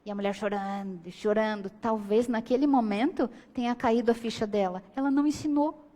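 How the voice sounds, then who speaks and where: A woman's voice: on the high side, fairly quick, mellow. A woman giving an earnest spiritist lecture, acting out the voices she quotes. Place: lecture hall. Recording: long hall reverb.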